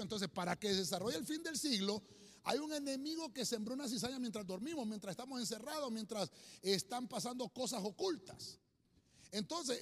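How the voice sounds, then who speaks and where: A man preaching a sermon with slides, animated and rambling, repeatedly calling listeners brother. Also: high voice, big-room sound.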